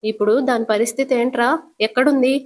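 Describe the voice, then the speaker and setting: A woman's voice: on the high side, steady tone, fast, darkish tone, lightly acted. A woman voicing a frantic middle-aged mother who cries and pleads, her voice rising. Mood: frantic, crying.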